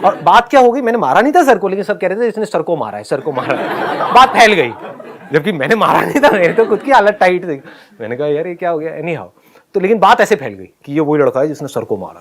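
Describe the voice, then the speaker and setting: A middle-aged man casually telling a personal story, animated, often laughing and acting out what people said. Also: on the high side. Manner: animated, laughs while telling, acts out quoted lines.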